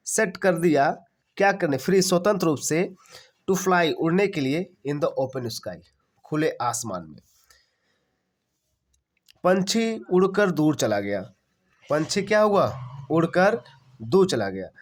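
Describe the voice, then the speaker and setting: A man teaching English translation. He asks questions and answers them himself, spells words out letter by letter and repeats each phrase. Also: fairly high pitch. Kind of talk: translation lesson.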